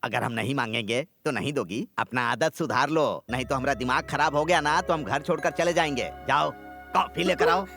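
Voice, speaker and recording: A man's voice: medium pitch, fairly quick, a bit bright, faint music behind. A man dubbing a lazy, bossy husband and father who nags and grumbles at his wife. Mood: nagging. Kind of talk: Hindi film dub comedy scene.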